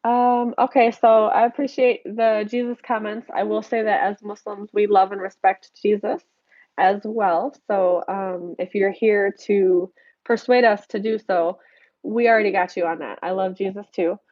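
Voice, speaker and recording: A woman's voice: medium pitch, steady tone, moderate pace, dry recording. A young American woman talks through a live Q&A, her voice stuffy and nasal from allergies. She is chatty and candid as she reads out viewer comments. The sound is close and dry, a little muffled. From United States. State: congested from allergies. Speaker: YouTuber answering viewer questions. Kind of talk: casual live-stream Q&A. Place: home desk.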